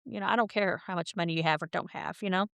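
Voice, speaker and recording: Gravelly and on the low side yet fairly bright, this woman talks quickly as she co-hosts a podcast, laughing a lot while swapping stories in casual chat. She is the older of the two hosts, and there's no echo.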